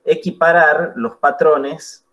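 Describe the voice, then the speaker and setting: A man teaching an English class, explaining slowly and patiently with spoken examples. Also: on the high side, little pitch movement, a bit bright. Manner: slow, patient explaining with demonstrations. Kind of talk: classroom lesson.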